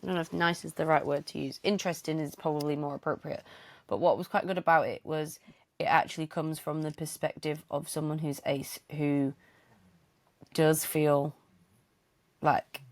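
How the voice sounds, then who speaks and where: A woman's voice: sits low, fairly even intonation, normal speed, dry recording. A woman co-hosting a podcast in casual chat, hesitant with many restarts. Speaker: podcast co-host.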